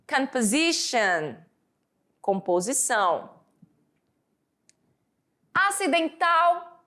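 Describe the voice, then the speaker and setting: A Brazilian woman teaching English vocabulary, slowly drilling words for students to repeat after her. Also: sits high, a bit bright. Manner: slow, drawn-out word drills for students to repeat. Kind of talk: recorded classroom lesson.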